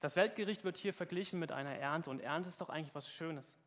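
Male preacher, fairly high voice, earnest and searching, sermon echoing in a big church. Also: quick pace, a bit bright. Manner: earnest, questioning, speaks straight to the congregation. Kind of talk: sermon with Bible reading.

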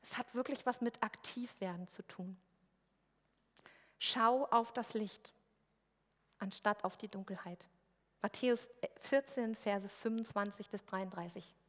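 A woman's voice: mid-range voice, moderate pace, in a large hall. A woman from West Germany preaching a sermon in a church service room, in a conversational, personal storytelling way.

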